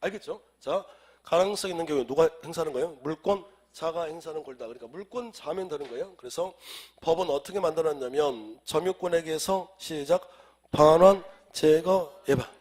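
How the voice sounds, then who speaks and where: A man's voice: fairly high pitch, fast, darkish tone. A man lecturing on civil law for an exam class, who has a cold, drilling students in call-and-response and firing rhetorical questions.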